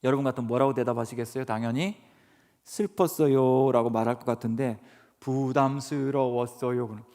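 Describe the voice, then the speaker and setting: A man's voice: mid-range voice, level tone, rapid-fire, a little mellow. A man giving an earnest sermon lecture to a church congregation, often putting questions to the listeners. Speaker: guest speaker professor. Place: church sanctuary. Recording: reverberant church hall.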